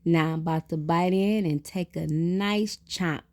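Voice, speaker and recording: A woman's voice: lowish voice, fairly even intonation, measured pace, a little mellow. A woman chatting casually as host of a food vlog. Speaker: mukbang host. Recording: music under the voice. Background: background music.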